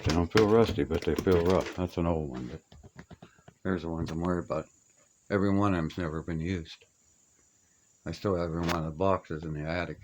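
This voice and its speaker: The recording is rough, with slight background noise, capturing an older man's low-pitched voice. A radio hobbyist, he shows his collection in a small upstairs room stripped to studs, chatting and reminiscing folksily with homespun grammar.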